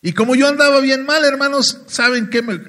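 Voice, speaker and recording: A man's voice: very high-pitched, fairly quick, fairly bright tone. A man with a Mexican accent preaching a sermon testimony in a church, talking emphatically and often turning to the congregation. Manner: emphatic, keeps addressing "hermanos".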